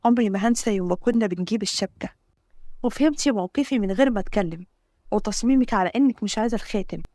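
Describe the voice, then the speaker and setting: A woman voicing a gentle, teasing young husband, speaking with an Egyptian Arabic accent. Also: mid-range voice, very fast, no echo, lightly acted. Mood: tender. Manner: coaxing, playful.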